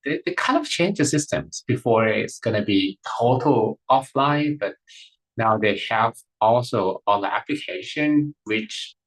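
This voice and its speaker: A man who is a monk, giving a live online meditation talk with many pauses, fillers and restarts. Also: medium pitch, animated, low-quality recording.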